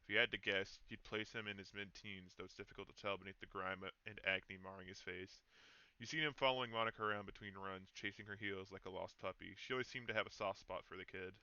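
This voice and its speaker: A man's voice: low voice, fast talker, clean tone, no echo, lo-fi sound. A man streaming a game with friends, chatting casually and reading story text aloud. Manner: relaxed, reads story text aloud with small stumbles. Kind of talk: casual let's play chat and narration read-aloud.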